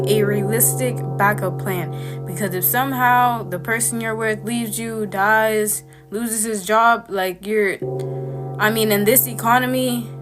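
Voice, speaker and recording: A woman hosting a casual commentary video, talking frankly in a chatty, slangy way. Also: mid-range voice. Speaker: host. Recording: background music under voice.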